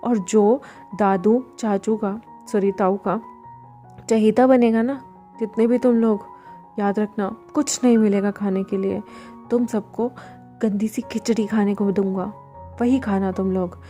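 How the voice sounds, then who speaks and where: A hot-tempered young husband, read by a woman who scolds and nags in exasperation. The voice is mellow and mid-pitched, told like a storybook. Faint music plays underneath. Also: fairly even intonation, a little slow, natural voice. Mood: scolding. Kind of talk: storybook fan-fiction reading.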